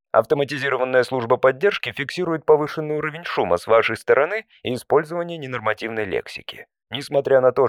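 Man performing an automated phone menu voice, male, medium pitch, politely deadpan, measured prompts, comic audio story, dry close sound. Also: no room sound, natural voice.

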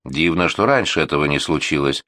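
A male audiobook reader voicing a gruff, blunt male servant who grumbles and mutters. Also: extremely low pitch, animated, brisk, pushed and bright, no room sound, pitched below the performer's own voice, heavily acted. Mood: grumbling.

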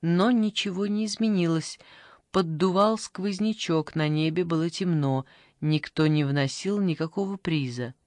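An audiobook narrator reading a literary story in a measured, even storytelling manner. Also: mid-range voice, dry recording.

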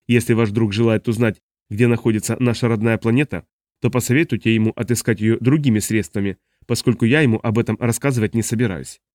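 A man's voice: on the low side, steady tone, quick pace, darkish tone, no room sound, studio quality, natural voice. A man voicing a stubborn, guarded traveler who refuses to give answers. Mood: defiant.

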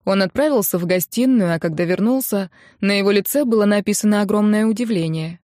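A woman narrating a romance audiobook in an even, steady storytelling voice. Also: medium pitch, fairly quick, no room sound, studio quality.

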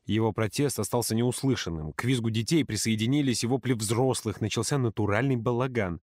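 Expressive male audiobook narrator, dry close sound. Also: medium pitch, fairly quick, no room sound. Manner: lively, characterful reading.

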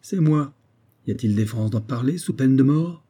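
A man voicing a brutal, mocking soldier with a loud, jeering delivery in an audiobook reading. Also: medium pitch, lively intonation, moderate pace, husky, pitched above the performer's own voice. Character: brutal hulking male grenadier, mocking and quarrelsome.

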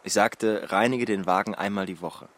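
Male colleague, patient and questioning, played by an actor; lowish pitch, gentle, soft-spoken. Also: steady tone, moderate pace, a little hiss or hum, natural voice. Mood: concerned, probing. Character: bank colleague man, patient and probing. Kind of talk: radio play acting.

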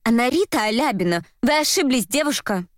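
Shrill, mannered young woman, as a female narrator puts her on. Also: animated, a little fast, no room sound, clean studio sound, close to an everyday voice. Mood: brash insistent. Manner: loud, mannered, capricious. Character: brash young woman feigning a shrill old friend. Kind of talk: audiobook character voice.

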